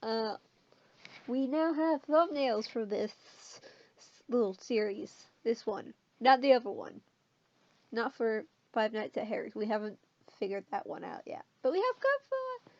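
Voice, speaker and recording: A woman's voice: on the high side, expressive, normal speed, a little mellow, no echo. A woman casually reading fanfiction aloud, chatty and stopping to question her own delivery. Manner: chatty, self-questioning, many fillers. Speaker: fanfiction reader. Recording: dull lo-fi sound.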